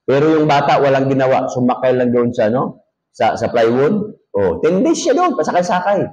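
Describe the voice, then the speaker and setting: A male pastor with a Filipino accent preaching a sermon in an air-conditioned church. He jokes with the congregation, and his voice rises to a near shout when he reads scripture. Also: medium pitch, sing-song, fairly quick, lo-fi sound. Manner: folksy, joking asides to the congregation.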